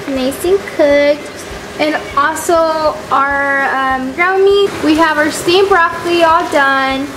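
High-voiced chatty teen girl in a kitchen. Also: background noise. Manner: chatty, upbeat, uses "like" and "um" often. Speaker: vlogger. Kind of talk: casual cooking vlog narration. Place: home kitchen, indoors.

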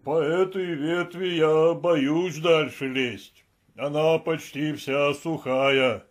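A man doing a slow, timid old servant. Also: fairly high pitch, fairly even intonation. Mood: wary. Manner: slow, drawn-out, plaintive speech. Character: old male servant, timid and grumbling, high in a tree. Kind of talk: audiobook character voice.

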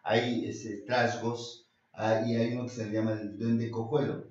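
A man with a Mexican accent hosting a naturopathic health talk show, repeating himself and filling pauses with "eh" and "este" as he gives advice and pitches remedies. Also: little pitch movement, darkish tone. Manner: rambling and repetitive, often restarts phrases, fond of saying "eh" and "este". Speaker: naturopathic doctor and show host. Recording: distant mic in a roomy space, dull sound.

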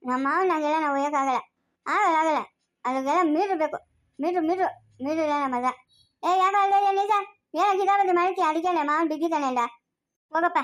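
A woman playing a village woman of the house in a family skit, speaking with a rural Chikkaballapur Kannada accent. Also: very high voice. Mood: chiding.

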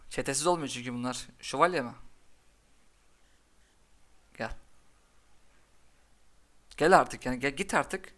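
A young man commentating his own game live, cheering his cards on and scolding the opponent in quick, excitable bursts. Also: mid-range voice. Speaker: gaming commentator.

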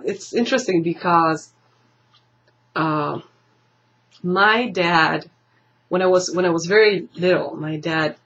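Her voice is deep and creaky: an Argentine woman appearing as an interview guest, thoughtful, laughing easily and often searching for the right word. The casual chat takes place indoors in a library room with bookshelves along the walls, recorded by a table-distance camera mic with soft, slightly dull lo-fi webcam sound.

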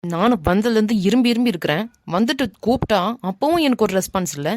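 A woman voicing a brash, bossy but softhearted young man in a cartoon, muttering to himself and scolding, with a Kanyakumari Tamil accent. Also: mid-range voice, expressive, quick pace, natural voice. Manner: mutters to himself, scolds then turns gentle. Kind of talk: animated cartoon dialogue.

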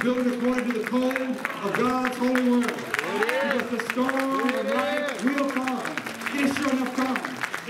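Man preaching, high voice, rhythmic call-and-response, echoey church sound from far off. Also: heavy background noise. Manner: rhythmic preaching with call-and-response, builds to shouts then drops low and soft. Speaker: pastor. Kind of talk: sermon. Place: church sanctuary. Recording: roomy church sound from a distance. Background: congregation responding.

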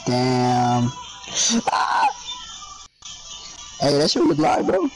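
Lively slangy young man gaming. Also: medium pitch, very slow. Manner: animated, slangy and profane. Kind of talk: casual chat while gaming. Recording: music playing under voice.

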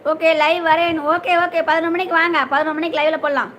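A young woman hosts a casual live stream, her voice high and bright. She greets viewers one by one, reads their comments aloud and asks after their meals and families, over a faint hum of room noise. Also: little pitch movement, fairly quick. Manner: greets viewers by name, asks if they have eaten.

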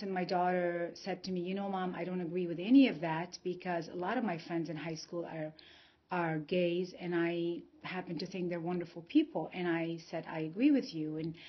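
A woman in her fifties from Lebanon gives a personal faith testimony to camera, speaking earnestly and in measured phrases with many filler pauses. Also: fairly low pitch. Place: indoor room at home. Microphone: phone or webcam close in front. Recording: dull lo-fi home video sound.

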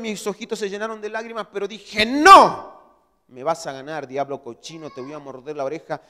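A male pastor preaching a sermon, swinging from loud exhortation to hushed asides. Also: high-pitched, big-room sound. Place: church hall.

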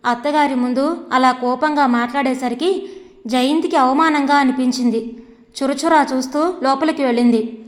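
A woman storyteller reading a novel aloud in an even, measured way. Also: high voice, in a large hall.

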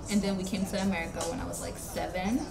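A young woman from Ghana answers interview questions in a relaxed, candid manner, dropping casual slang as she goes. She is recorded inside a large art studio, so her voice carries a roomy echo. Music plays clearly behind her. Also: fairly low pitch, fast talker.

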